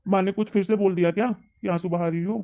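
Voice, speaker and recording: A man's voice: high-pitched, steady tone, fast talker, warm tone. A man voicing an indifferent young husband in a family story, dismissive in tone. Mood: questioning.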